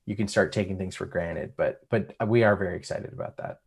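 Over a remote call recording, a man co-hosts a casual podcast chat in a low, fairly quick voice that is creaky with a breathy edge. He talks reflectively and hesitantly, with many fillers and restarts.

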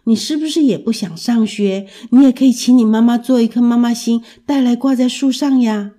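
A woman's voice: fairly high pitch, a little fast, warm tone, lightly acted. A woman voicing an earnest, chatty little schoolgirl in a storybook reading. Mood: curious. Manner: childlike, eager.

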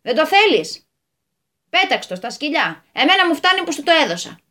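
A woman's voice: high-pitched, very animated, bright, forceful tone, voice pushed up, full character voice. A woman voicing a hot-tempered, bossy male landowner who talks in a flustered rush in a radio story. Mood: fretful bossy.

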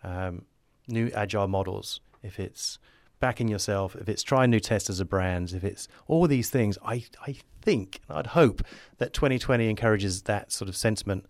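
A man's voice: lowish voice, moderate pace, few pauses, no room sound. A man chatting casually as a podcast guest, enthusiastic and optimistic in a rambling, musing way. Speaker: podcast guest, advertising creative. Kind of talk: casual conversational interview.

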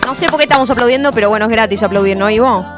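A woman hosting a live radio show, brisk and chatty. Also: a little high, over music. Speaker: radio host.

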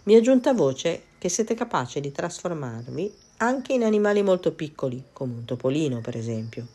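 A woman putting on a sly, flattering storybook cat. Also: sits low, normal speed, breathy edge, heavily acted. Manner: sly, theatrical, raised and bright. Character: clever bold male cat, cunning and flattering.

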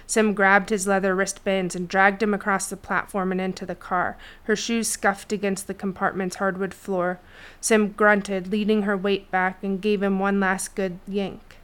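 A woman narrating a fantasy novel chapter in a steady storytelling read. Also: mid-range voice, clean tone. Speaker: audiobook narrator. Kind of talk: scripted fiction narration.

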